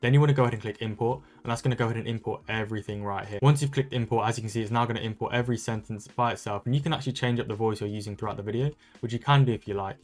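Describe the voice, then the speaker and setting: A man talking fast and upbeat as he walks viewers through a screen-recorded tutorial. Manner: rapid, upbeat sales-pitch delivery. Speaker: online content creator teaching social media growth.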